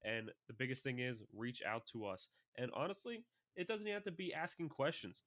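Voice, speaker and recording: Excitable male podcast co-host, dry sound. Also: medium pitch, normal speed, no room sound. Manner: animated, excitable storyteller. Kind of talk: casual fantasy football chat.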